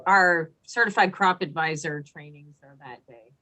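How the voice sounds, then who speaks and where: A woman in a committee meeting, brisk and matter-of-fact. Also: on the low side, pushed and bright. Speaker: crop advisor trainer. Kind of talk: meeting discussion.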